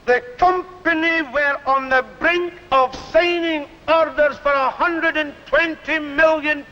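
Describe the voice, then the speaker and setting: Male union orator, rally speech, very high voice, reverberant hall. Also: bright, forceful tone. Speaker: shop steward and union orator. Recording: dull, echoey hall archive recording.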